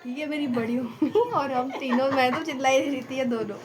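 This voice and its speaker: A woman's voice: high voice, fairly even intonation, brisk, a crowd in the background, rough recording. A young woman vlogging casually on her phone, chatting straight to her viewers and laughing often. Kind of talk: casual vlog chat. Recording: loud background noise.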